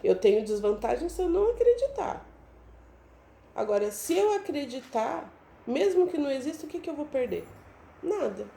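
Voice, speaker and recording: A woman telling a casual, animated personal story as a mother, often adding "né?". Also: sits high, normal speed, gravelly, echoey room. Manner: animated, chatty, often adds "né?".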